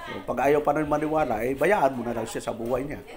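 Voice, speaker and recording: A man's voice: medium pitch, quick pace, a crowd in the background. A man from the Philippines, a pastor, giving a conversational sermon, reading English scripture verses and explaining them in Tagalog to his listeners.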